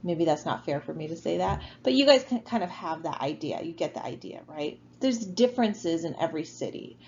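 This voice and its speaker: Lady teacher rambling through a lecture at home, lowish voice, kinda dull recording with faint hum behind. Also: lively intonation, brisk, a little mellow. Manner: casual and conversational, many fillers and tag questions. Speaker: college geography instructor.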